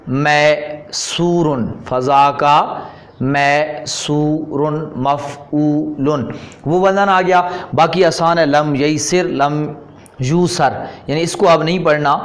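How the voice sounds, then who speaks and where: Man reciting Arabic grammar forms. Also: fairly high pitch. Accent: Pakistani Urdu. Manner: explains step by step, recites verb forms in drawn-out chants. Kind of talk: recorded online lesson.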